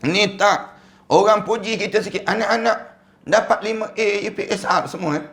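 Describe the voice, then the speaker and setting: A man with a Malaysian accent preaching a sermon, animated and full of rhetorical questions. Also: high-pitched, moderate pace. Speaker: Islamic preacher.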